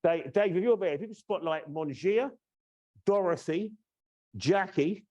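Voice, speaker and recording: His high voice comes across a little slow and darkish, and the audio is dull. He's a fifty-something trainer from the UK presenting a casual webinar over a video call, chatty and teasing, with a habit of checking in with "yeah?".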